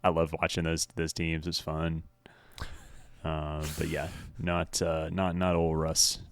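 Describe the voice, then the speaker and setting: Deep-voiced, wry young man. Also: monotone, measured pace, dry recording. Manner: dry, wry jokes with frequent laughs. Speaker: podcast co-host. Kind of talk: casual sports chat.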